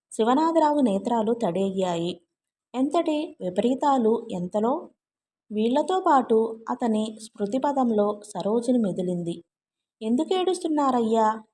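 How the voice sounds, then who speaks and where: A woman narrating a novel in an even, slow storytelling manner. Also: a little high, a little hiss or hum.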